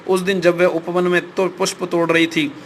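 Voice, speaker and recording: A man narrates an audiobook in a steady, formal reading style. His voice sits a little high for a man. Faint noise lies under the recording. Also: moderate pace.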